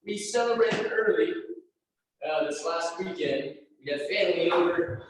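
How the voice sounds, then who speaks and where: A man's voice: high voice, normal speed. A man leading a live workout class, counting down reps and calling out encouraging cues. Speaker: fitness instructor. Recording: echoey room, distant mic, faint noise.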